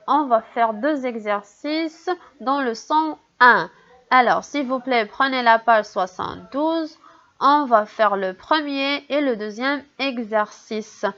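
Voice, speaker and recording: A woman with a high voice leads a reading lesson for small children. She speaks slowly and repeats each word with care so young listeners can catch the sounds. The recording sounds dull and lo-fi. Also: fairly bright tone. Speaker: primary school teacher.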